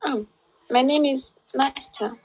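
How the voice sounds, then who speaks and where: A woman from Russia, answering a stranger on a video call in soft, hesitant, short replies. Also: high-pitched, takes it slowly, slightly rough. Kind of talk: casual video chat with a stranger.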